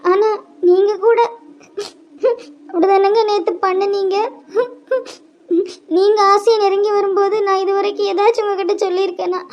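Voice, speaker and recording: A woman voicing a very high-pitched hurt young woman. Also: level tone, dull audio. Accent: Kanyakumari Tamil. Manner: halting, repeats words while upset. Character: young woman, hurt and tearful, wife and sister. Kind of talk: cartoon voice acting.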